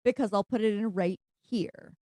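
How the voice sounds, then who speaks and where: A woman co-hosting a podcast in casual chat, laughing often and jumping in with quick interjections. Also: medium pitch, dark tone, dry recording, studio quality. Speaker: podcast co-host.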